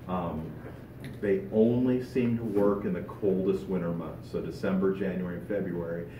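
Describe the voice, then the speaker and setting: A middle-aged man speaks animatedly and casually to a club gathering, his voice on the low side. He is recorded from across a large meeting room, so the sound is distant and roomy with steady background noise. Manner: animated, gestures a lot while talking. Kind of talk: informal talk to a fishing club. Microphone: far camera, no mic. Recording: echoey room from far off.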